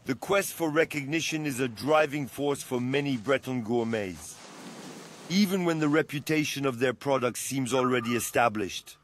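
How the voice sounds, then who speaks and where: A man narrating a food documentary in a measured, scripted way. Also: mid-range voice, slight background noise. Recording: voice-over with music behind.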